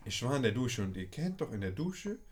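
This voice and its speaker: A man's voice: mid-range voice, very animated, brisk, darkish tone. A young man, casually telling a story in a podcast chat and peppering it with street slang.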